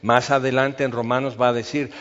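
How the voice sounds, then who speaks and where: A man preaching an expository Bible sermon, teaching in a measured way and slowing down to stress his points. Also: medium pitch, flat delivery, a bit bright. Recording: long reverb, dull lo-fi sound.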